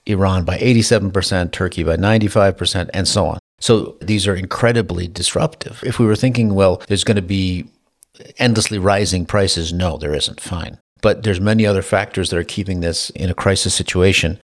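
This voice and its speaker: A man's voice: deep voice, fairly even intonation, a little fast. A man co-hosting a casual podcast, explaining global trade and food prices with dry humor. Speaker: co-host discussing economics.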